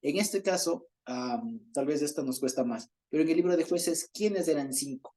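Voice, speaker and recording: A man's voice: on the high side, lively intonation, moderate pace, dark tone. A man leading a Bible study, reading passages aloud and often checking in with his listeners. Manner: keeps checking in with the group, reads passages aloud; chuckles while explaining.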